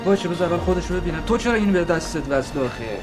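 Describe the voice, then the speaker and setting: A stubborn brother in a TV drama, played by an actor, arguing and pushing hard. His voice sits a little high for a man. Over a clear music score. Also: expressive, close to an everyday voice. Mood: urgent, defiant. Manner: insistent, argumentative. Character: stubborn pushy man, brother, hospital row. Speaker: patient's uncle arguing with hospital staff.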